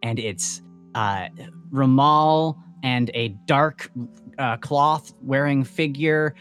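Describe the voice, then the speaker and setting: A man's voice: medium pitch, slow pace, fairly bright tone, soft background music. A man running a tabletop game as game master, narrating casually with many fillers and restarts.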